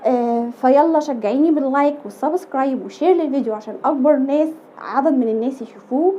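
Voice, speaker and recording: A woman with an Egyptian Arabic accent teaching English letter sounds to children, slowly and patiently repeating each sound. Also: high-pitched, warm tone, lo-fi sound, slight background noise. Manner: patient, slow repetitive drilling of letter sounds. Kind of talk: children's phonics lesson.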